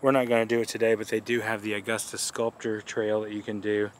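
A man's voice: lowish voice, flat delivery, quick pace, slight background noise. A man casually narrating a travel vlog outdoors, enthusiastic and easygoing as he tours a riverside walk. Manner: easygoing, enthusiastic tour commentary. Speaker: vlogger.

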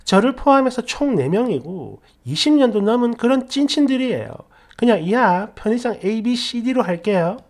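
A woman narrator reading online posts and comments aloud in a lively, mocking manner. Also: on the high side, normal speed, hardly any pauses. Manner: lively, mocking, laughs at the stories. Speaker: story channel narrator.

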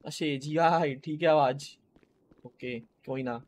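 A man streaming a game, chatting casually with his viewers and greeting them by name, speaking quietly and low-key. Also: steady tone, takes it slowly, a little hiss or hum. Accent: Hindi.

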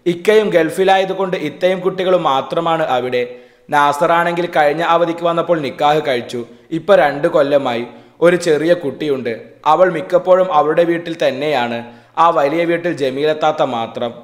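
A man narrates a story in a calm, steady voice. His pitch sits a bit high for a man. The recording has a roomy echo. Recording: echoey room.

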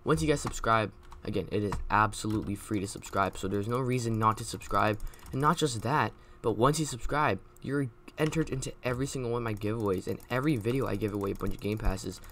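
A man's voice: fairly low pitch, fairly bright tone, a little hiss or hum. Young man rattling off game promos. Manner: repetitive, fast promo patter with many fillers. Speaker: gaming YouTuber. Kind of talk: casual gameplay commentary.

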